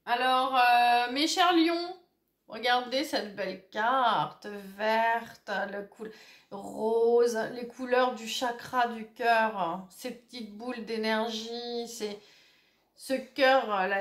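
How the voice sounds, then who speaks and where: A woman's voice: a little high, steady tone, takes it slowly, fairly bright tone. A woman giving a casual tarot reading for her viewers, chatty and hesitant, with many fillers and asides. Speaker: tarot card reader. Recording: roomy echo.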